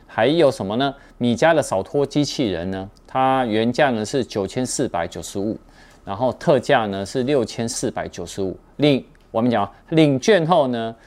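A man with a Taiwanese accent and a mid-range voice presents a casual rundown of tech news and deals. He speaks conversationally as a host, addressing listeners directly and drawing out his sentence particles. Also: medium pitch.

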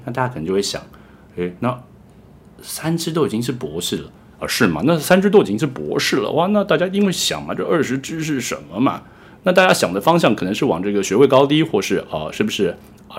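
A man's voice: fairly low pitch, slightly rough. A man hosting a podcast in pseudo crosstalk banter, with eager, playful interjections. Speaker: podcast host.

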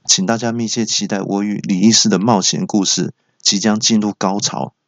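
A man hosting a comedy podcast, telling a comic story in an animated, playful way and stammering for effect. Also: lowish voice, moderate pace, vocal fry, no echo, dull audio. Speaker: podcast host.

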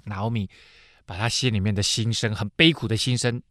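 A man hosting a radio Bible teaching program, explaining scripture with lively storytelling full of filler particles. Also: on the low side, a little fast, no room sound, clean studio sound.

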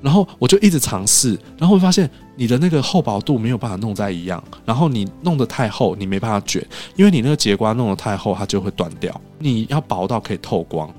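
Faint music sits behind this fairly low-pitched man from Taiwan, who talks fast with few pauses. As a podcast guest he tells stories casually, acting out quoted dialogue with animation.

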